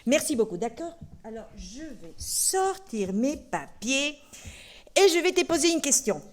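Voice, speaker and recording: A woman's voice: sits high, a little slow. A woman preacher giving a playful children's sermon in a church. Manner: lively and playful, talking to children.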